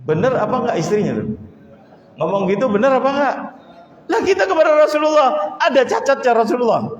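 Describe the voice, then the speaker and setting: Animated male Indonesian preacher, echoey hall. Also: brisk. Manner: animated, questions the audience, wide pitch swings. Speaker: Islamic preacher. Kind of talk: religious study lecture. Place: mosque hall. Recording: dull, echoey hall recording.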